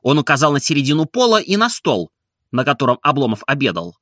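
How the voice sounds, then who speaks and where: A man narrating a classic novel in an expressive, measured audiobook reading. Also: medium pitch, dry recording, studio quality.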